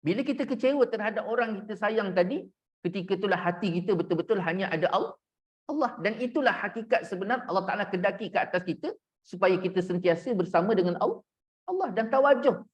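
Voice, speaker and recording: A man's voice: sits high, quick pace. A man, a religious teacher telling a story in a sermon and addressing his listeners directly. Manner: addresses listeners directly, animated retelling with acted quotes.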